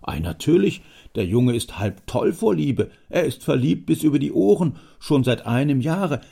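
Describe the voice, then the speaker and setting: A man doing a hearty, excitable old factory owner. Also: on the high side, normal speed, vocal fry, slightly rough, voice pushed up, full character voice. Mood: emphatic. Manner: hearty, emphatic, raised voice.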